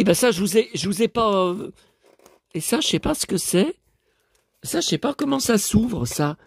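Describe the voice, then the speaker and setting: A hoarse man talking to his viewers at home, showing off his finds as a collector. He rambles, grumbles, swears often and keeps addressing the audience. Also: sits high, dry recording. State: hoarse, voice worn out. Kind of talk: rambling vlog talk to viewers.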